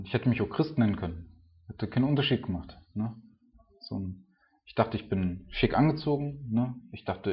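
A man preaching an informal sermon, talking casually and filling his sentences with "ne" and "so". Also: on the low side. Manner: casual, filler-heavy, with frequent "ne" and "so". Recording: dull lo-fi sound.

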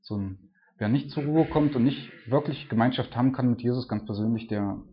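A man preaching a relaxed, conversational sermon, tossing in little tag questions as he goes. His voice sits at an everyday middle pitch. The recording is dull and somewhat lo-fi. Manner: chatty, keeps adding "ne?"; reads scripture aloud louder and slower. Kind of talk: informal sermon. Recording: dull lo-fi sound.

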